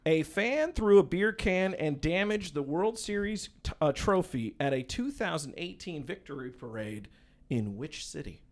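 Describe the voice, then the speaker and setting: A man's voice: fairly high pitch, animated, measured pace. A man hosting a casual beer trivia quiz, joking and playful as he reads questions. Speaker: host.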